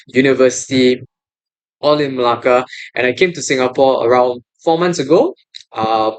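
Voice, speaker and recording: A man's voice: mid-range voice, low-quality recording. Malaysian guy in his 20s doing his own podcast, earnest and encouraging, lots of uhs and you knows. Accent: Malaysian English. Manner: earnest, encouraging, rambling with many fillers. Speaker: podcast host. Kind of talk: casual podcast monologue.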